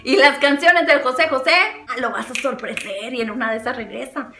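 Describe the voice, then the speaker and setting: A young Mexican woman vlogging, chatty and animated, telling breakup stories with many laughs and acted-out quotes and giving advice. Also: high voice, brisk, a little hiss or hum. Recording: echoey room with faint music.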